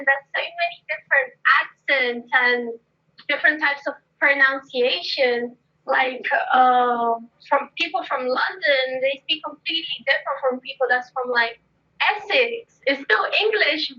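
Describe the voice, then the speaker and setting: A woman's voice: high-pitched, a little slow, bright, forceful tone. A woman, an English teacher, chatting in an interview, bubbly and laughing often. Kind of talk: casual interview chat. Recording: dull lo-fi sound.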